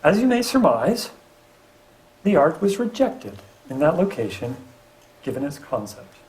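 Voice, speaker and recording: A man's voice: a little high, measured pace, low-quality recording. A middle-aged man, a professor and landscape architect, giving a public lecture with slides and dropping wry asides. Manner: lively delivery with wry asides.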